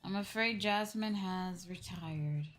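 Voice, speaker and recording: Over background music, a VTuber streamer in her young adult years speaks slowly in a mid-range, slightly bright voice, musing and hesitating as she responds to chat. A long day of talking has left her voice a bit sore and tired.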